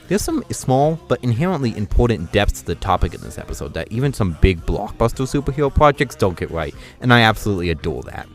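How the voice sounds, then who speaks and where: A man reviewing cartoon episodes in a casual video, talking fast and loud with excitement. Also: on the low side, faint music behind.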